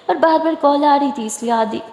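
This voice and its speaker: A woman's voice: high voice, mellow. Chatty woman telling a love story. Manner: chatty, asides to listeners. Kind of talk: casual spoken story narration. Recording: echoey room with long reverb.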